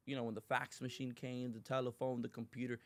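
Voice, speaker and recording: Man, interview host, mid-pitched, halting questions, dry room sound. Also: little pitch movement, no room sound. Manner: stammering restarts when asking.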